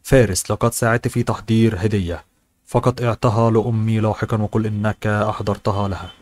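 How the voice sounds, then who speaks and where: A man's voice: lowish voice, level tone, fast talker, a little mellow, close to an everyday voice. A man reading the lines of a stern, cold middle-aged father in a novel audiobook, firm and commanding.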